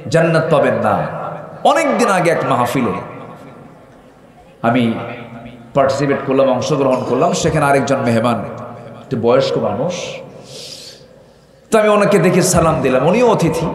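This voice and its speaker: Impassioned preacher with crowd echo. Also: male voice, on the high side. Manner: call-and-response with crowd, shouting climaxes. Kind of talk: Bengali waz sermon. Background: crowd responding.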